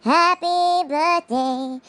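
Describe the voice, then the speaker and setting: A man singing a slow birthday song through a sped-up chipmunk voice filter. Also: extremely high pitch, bright, forceful tone, faint music behind, pitched above the performer's own voice, heavily acted.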